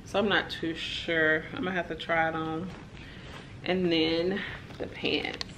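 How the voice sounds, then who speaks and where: A young woman talks through her shopping haul in a relaxed, chatty way, peppered with "like" and "y'all." Her voice sits a little low for a woman. A faint hum of the room sits behind her. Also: measured pace. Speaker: vlogger. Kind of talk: casual haul chat to camera.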